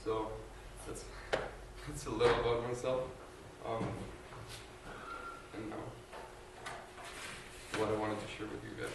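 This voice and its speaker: A young adult man from Guatemala speaks slowly with a fairly low, vocal-fry voice, little pitch movement and long pauses while giving an earnest, hesitant faith testimony as a student, marked by fillers and restarts. A distant recorder, no mic, captured him from far off in a large, echoey audience room, and the recording is very noisy.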